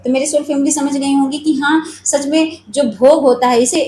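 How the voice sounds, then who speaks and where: A high-voiced woman shares a personal spiritual story directly with her viewers, earnest and confiding, her tone steady and darkish at a moderate pace. A clear room echo and a faint ambient hum sit behind her.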